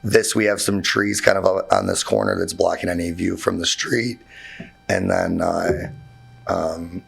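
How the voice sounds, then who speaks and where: A contractor with a low-pitched, fairly bright, and animated voice addresses a township zoning board at a public meeting, laying out his building requests informally. His voice is hoarse and almost gone, and he stumbles along with many fillers and restarts.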